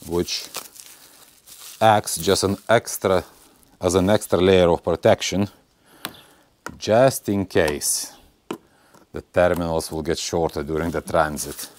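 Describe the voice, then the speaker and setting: Outdoors on a stone barn patio, a man in his forties shows and tests a battery, speaking to viewers through a clip-on lapel mic with slight background noise. His deep voice stays steady and slow with long pauses, moving from a scripted voice-over intro to casual on-camera chat. He is friendly and casual, calls viewers "guys," and uses non-native phrasing.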